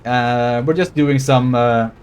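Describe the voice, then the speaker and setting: This Swedish game streamer speaks with a general American accent in a medium-pitched, clean, darkish voice at a slow pace. During casual live gaming commentary he rambles, swears freely, and chats with viewers while playing.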